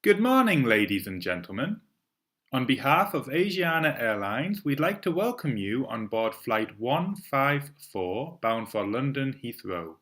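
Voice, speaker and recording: A man reads a formal cabin crew announcement like a flight attendant. His intonation swings widely between high and low. The phrasing is measured and scripted, made for learners to copy. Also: sing-song, fairly bright tone. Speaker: English lesson narrator reading a flight attendant announcement.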